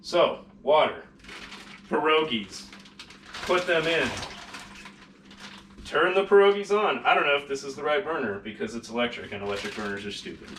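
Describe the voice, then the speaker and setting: A man's voice: medium pitch, animated, normal speed, pauses often, a bit bright, slight background noise, poor audio. A sarcastic, heavily swearing man hosting a casual cooking vlog, talking as he works in a home kitchen. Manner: foul-mouthed, sarcastic. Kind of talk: casual cooking demonstration, talking while working.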